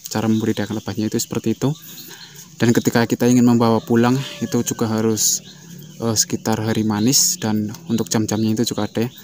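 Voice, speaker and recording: A man talking quickly through a casual how-to vlog, his pitch staying flat and even. He keeps padding his sentences with little fillers, and faint noise sits under the recording. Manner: fast, flat, repeats fillers like "ya" and "eh". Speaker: beekeeping channel host.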